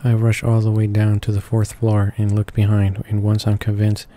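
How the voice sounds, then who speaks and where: A man reads visual novel text aloud for a let's play, stumbling over words now and then while video game music plays behind him. His voice is fairly low and warm, delivered in a monotone at a moderate pace.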